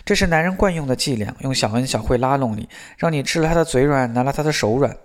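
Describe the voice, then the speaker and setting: A man's voice: medium pitch, animated, fast talker, lightly acted. A man reading the lines of a worried middle-aged mother who lectures her daughter in anxious, reproachful tones. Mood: scolding.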